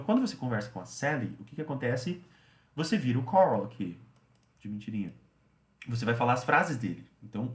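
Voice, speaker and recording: A male English teacher talks through a study routine in a relaxed, chatty way, often restating points and adding little tag questions. His voice sits at a middle pitch. The recording has a roomy echo, as if captured at a computer. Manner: chatty, repeats himself, tags phrases with "né".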